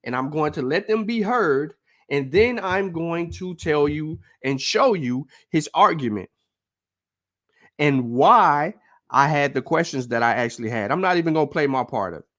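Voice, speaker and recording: A man's voice: a little high, animated, normal speed, fairly bright tone. Man explaining a clip to viewers. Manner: explanatory, addresses viewers directly. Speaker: channel host. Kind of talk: commentary on a played clip.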